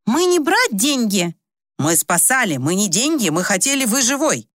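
A man's voice: very high voice, very animated, normal speed, fairly bright tone, no echo, clean studio sound, voice pushed up, exaggerated voice. A woman voicing eager young village men who speak broken Russian. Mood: earnest. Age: young adult.

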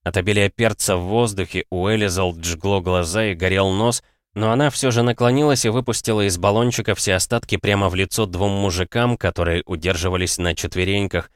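A man narrating an audiobook in a steady, even storytelling manner. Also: deep voice, a little fast, smooth, no echo, studio quality.

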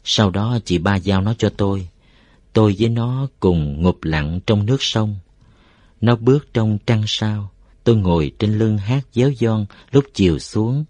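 Low-voiced man reading a story. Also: measured pace, darkish tone, no echo. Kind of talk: scripted story narration.

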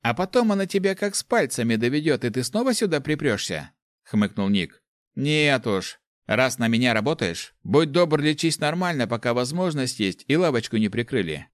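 A man doing a loud, bossy skinny young man. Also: medium pitch, lively intonation, no room sound, studio quality, pitched above the performer's own voice, close to an everyday voice. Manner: loud, scolding, fast banter. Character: skinny young male worker, bossy, quick-tongued.

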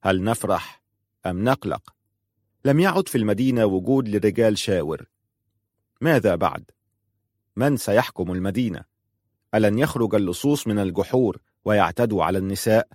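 A man narrating a historical novel in measured scripted storytelling. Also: lowish voice, animated, darkish tone, dry recording, clean studio sound.

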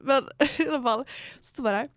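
A teenage girl under eighteen from Borås, Sweden, hosts a podcast and tells a story casually, full of slang, swearing and acted-out quotes. Her voice sits high with a fairly bright tone, and the sound is clean studio quality with no room sound.

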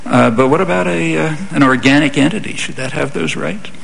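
A man answering audience questions at a lecture in a measured, conversational way. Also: on the high side, gravelly, a bit bright, rough recording. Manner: measured, conversational, frequent "I mean" and "you know". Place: university lecture hall.

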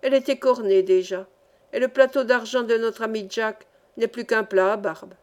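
A woman voicing a learned, genial older engineer who explains science in measured sentences in a read-aloud novel. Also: a little high, fairly even intonation, close to an everyday voice. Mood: instructive. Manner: instructive, measured.

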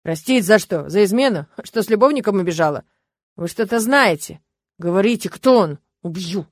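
A woman's voice: mid-range voice, brisk, no echo, close to an everyday voice. A woman reading as a bitter, brooding man. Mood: agitated. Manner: agitated, loud, sardonic outbursts. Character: gloomy bitter middle-aged man, brooding and volatile. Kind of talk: audiobook reading.

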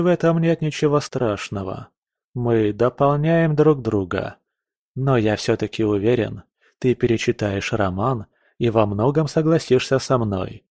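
A man's voice: fairly low pitch, darkish tone, dry recording, studio quality. A man reading an audiobook voices a confident young suitor who talks persuasively.

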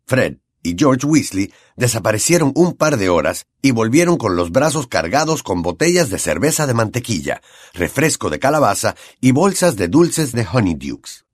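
A man with a Latin American Spanish accent narrating an audiobook in an expressive, animated way. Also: medium pitch, normal speed, dry recording, studio quality.

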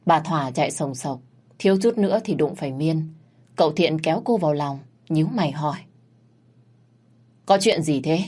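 A woman narrating a period drama story in a steady storytelling voice. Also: deep voice, brisk, breathy edge.

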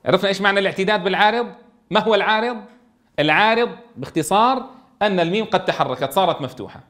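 A man's voice: high voice, lively intonation, very fast, a bit bright. A man teaching a tajweed lesson in a classroom, keeps asking his students questions and answering them himself. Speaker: Quran recitation teacher.

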